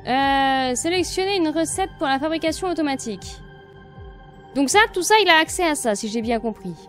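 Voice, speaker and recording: A high-pitched woman talks through her game in a loose, chatty way, thinking aloud as she goes. She addresses the viewers and the game itself, with faint music underneath. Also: lively intonation, moderate pace. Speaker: let's play streamer. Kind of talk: casual gameplay commentary.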